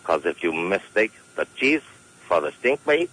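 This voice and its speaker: Guy doing a broken english hustler caller on a radio phone-in, kinda low, faint hiss behind. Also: sing-song, normal speed, fairly bright tone, low-quality recording. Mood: jokey. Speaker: comic call-in character. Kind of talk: radio call-in comedy bit.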